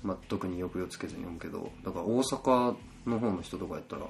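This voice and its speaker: A man's voice: sits low, fast talker, vocal fry, darkish tone, slight background noise. A man from Hyogo with a Kansai accent, chatting casually on a podcast and explaining things in an easygoing way. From Hyogo, Japan. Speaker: podcast co-host. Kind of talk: casual chat.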